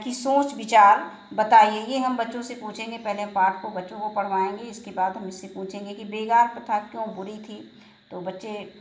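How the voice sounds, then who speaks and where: A woman teacher explaining a school textbook lesson, reading each question and answer in a steady, methodical way. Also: mid-range voice, echoey room, rough recording.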